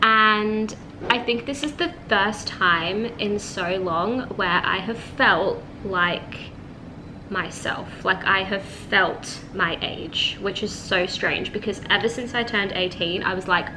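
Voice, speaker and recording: A young woman in her twenties talks to her camera at home in a relaxed, chatty vlog, leaning on "like" as she goes. Her voice sits at an ordinary middle pitch. A clear hum of room ambience runs under the recording. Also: slow. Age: 20s. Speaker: vlogger. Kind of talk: casual vlog chat. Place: at home, indoors. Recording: noticeable room ambience noise.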